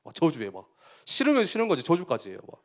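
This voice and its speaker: A man giving a youth sermon, asking the listeners questions and acting out quotes with sudden loud bursts. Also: a little high, quick pace. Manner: animated, asks the listeners questions. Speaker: youth pastor.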